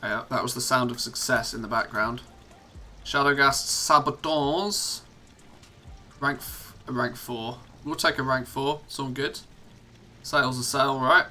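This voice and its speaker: An English man chats casually through a live gameplay stream from home. His voice is bright and a little forceful, sitting in the middle of the male range. He rambles in a friendly way, often mocks himself and laughs easily. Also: medium pitch, measured pace, slight background noise. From England. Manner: chatty, self-mocking, laughs often.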